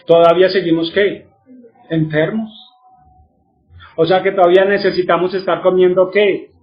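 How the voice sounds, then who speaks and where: High-voiced man teaching, quizzing his listeners. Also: level tone, moderate pace, dull audio. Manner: asks the audience questions and answers them himself. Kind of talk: religious teaching.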